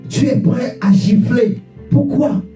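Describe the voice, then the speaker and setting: A man preaching a fervent sermon to a congregation, repeating rhetorical questions and bursting into shouts. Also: very high voice, takes it slowly. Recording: echoey church room, distant mic, faint guitar.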